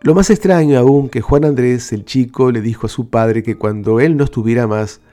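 A man hosting a radio program, calmly telling stories and reading out letters from listeners. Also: mid-range voice, normal speed, soft background music. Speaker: radio host.

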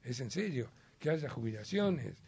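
A man's voice: mid-range voice, big pitch swings, normal speed, gravelly, darkish tone, breathy edge. A man with a Uruguayan Spanish accent, chatting as a guest in an emphatic, rambling way with many fillers. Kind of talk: casual chat.

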